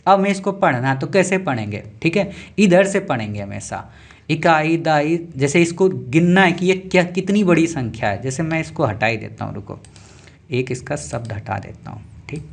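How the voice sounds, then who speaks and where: Man, maths teacher, lecturing a class, higher voice, asks then answers his own questions. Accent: Hindi.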